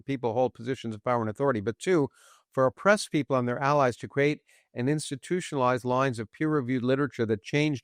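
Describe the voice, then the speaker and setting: A man's voice: medium pitch, clean tone, dry recording, clean studio sound. A man hosting a podcast interview, talking conversationally and jumping in with his own points. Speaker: podcast host.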